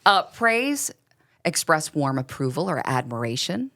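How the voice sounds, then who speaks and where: A woman's voice: low voice, very animated, a little slow, a bit bright. A middle-aged woman co-hosting a casual faith podcast, chatting in a playful, teasing and sarcastic way. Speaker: podcast co-host.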